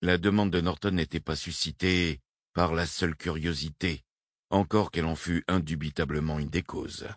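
A man calmly reading a novel aloud as its narrator, measured and even. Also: deep voice, no room sound, studio quality. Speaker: audiobook narrator. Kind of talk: scripted narration.

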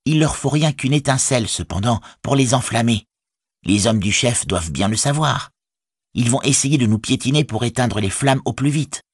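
Brief: man voicing a commanding young hobbit for a storybook, raised, husky, lively. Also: medium pitch, normal speed, no room sound, studio quality, voice pushed up, natural voice. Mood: urgent. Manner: urgent, commanding. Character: bold young male hobbit rallying his people. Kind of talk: audiobook reading.

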